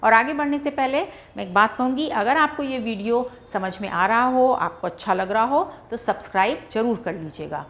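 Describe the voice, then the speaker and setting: A woman teaching grammar in a patient, deliberate way, sounding out syllables one by one. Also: a little high, a bit bright. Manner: patient, repeats syllables slowly and drawn out for pronunciation. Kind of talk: slow, deliberate classroom explanation.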